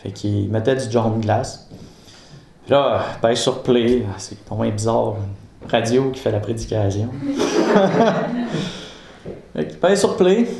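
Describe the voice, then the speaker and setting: A man with a Quebec French accent telling a personal story casually, animated, often laughing and acting out conversations. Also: lowish voice, slow, gravelly, pauses often, background noise. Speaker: guest giving a testimony. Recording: roomy with faint ambience.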